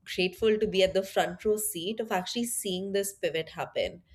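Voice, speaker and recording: Speaking at normal speed in a medium pitch, this tech product leader from India appears as a guest in a conversational interview. Her Indian accent comes through as she answers thoughtfully, using fillers and starting sentences over.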